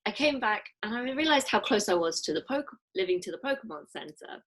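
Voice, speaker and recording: A woman's voice: mid-range voice, very animated, brisk, fairly bright tone, breathy edge. A young English woman with an English accent, a guest telling stories animatedly and acting out her own past thoughts. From England. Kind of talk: casual interview.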